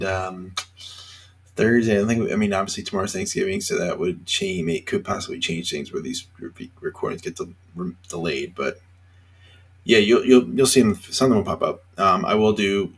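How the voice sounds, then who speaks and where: A tired man hosting a casual solo reaction show, rambling with lots of fillers and pauses between thoughts. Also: low-pitched, steady tone, slightly rough. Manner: rambling, hesitant, many fillers. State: tired, yawning. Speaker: reality TV reaction host.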